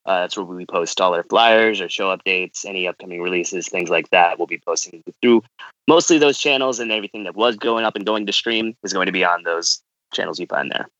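A man's voice: sits low, a little fast, fairly bright tone, no room sound, lo-fi sound. A man casually giving plugs as a podcast guest. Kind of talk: casual plug.

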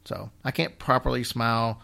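A podcast host runs a casual storytelling show, wry and joking, with a slight slur and an occasional whistle or lip smack from a half-numb mouth. His medium-pitched voice is sharp in tone with vocal fry, stays fairly flat, and moves at normal speed.

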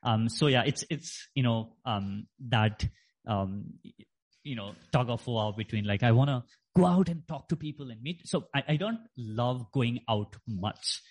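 Man from Nepal, 30s, podcast guest; hesitant, filler-heavy, mid-pitched. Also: unhurried. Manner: hesitant, many fillers and restarts. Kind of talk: reflective interview talk.

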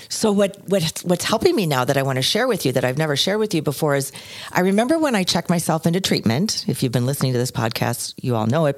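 Woman, 60s, low-pitched, expressive storyteller, dry sound. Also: no echo. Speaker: podcast co-host. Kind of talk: casual chat.

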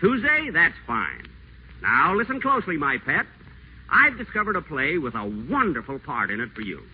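Heavily acted and very animated, a radio celebrity's mid-range voice with a breathy edge moves briskly as he plays a pompous, acerbic schemer in a wheelchair for a 1940s radio play. His delivery is sardonic and theatrical, carried on a tinny old broadcast with a faint hiss.

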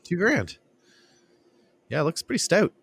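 A man's voice: sits high, big pitch swings, vocal fry, fairly bright tone, slightly rough, no room sound. A man chatting casually on a podcast, reacting with short comments and playful jokes. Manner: quick joking reactions, playful. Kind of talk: casual chat.

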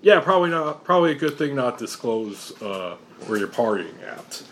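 A man's voice: medium pitch, sing-song, moderate pace, fairly bright tone, a little hiss or hum. A young American man hosting a podcast as a casual, informal interview, calling his guest bro and man. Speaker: podcast host.

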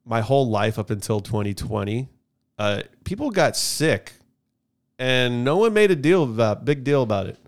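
A man's voice: mid-range voice, sing-song, moderate pace. A man co-hosting a podcast in casual chat, blunt and joking in an offhand way. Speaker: podcast co-host.

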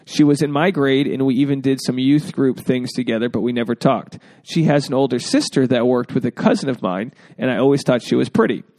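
A man's voice: mid-range voice, fairly quick, hardly any pauses, darkish tone. A man hosting an advice podcast in a casual, rambling way, with jokey asides. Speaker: podcast host. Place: indoors at home.

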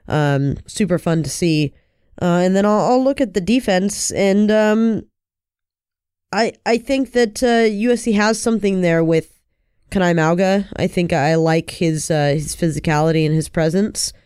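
A man's voice: high voice, a little slow, darkish tone, clean tone, dry recording, clean studio sound. A man co-hosting a sports podcast with casual, earnest commentary, repeating phrases for emphasis while under the weather with a cold.

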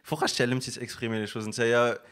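A man's voice: mid-range voice, racing. A man with a Moroccan accent, hosting a podcast in casual chat and telling stories animatedly, mixing in French. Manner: animated storytelling, mixing French into his speech.

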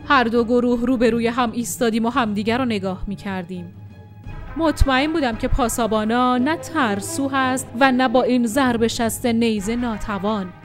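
A woman tells a first-person adventure story with expressive, dramatic delivery. Her voice is high, and faint music plays softly beneath the narration.

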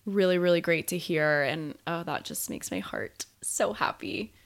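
A woman's voice: fairly low pitch, big pitch swings, unhurried. A woman co-hosting a casual podcast in a nasal, stuffy voice, congested from a cold, gushing and affirming. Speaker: podcast co-host.

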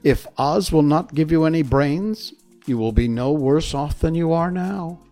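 A man voicing a polite, kind little farm girl in a storybook, with a gentle, innocent and courteous manner. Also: on the high side, measured pace, faint music behind, voice pushed up, lightly acted. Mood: sympathetic.

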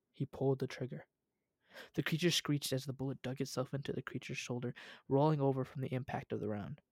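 Young guy reading an old story out loud, casual, dry close sound. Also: mid-range voice, no room sound. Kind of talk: reading a childhood story aloud.

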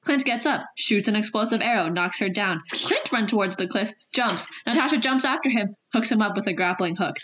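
A woman's voice: medium pitch, lively intonation, brisk, hardly any pauses, muffled recording, background noise. A woman narrator reading out scripted scene action and stage directions.

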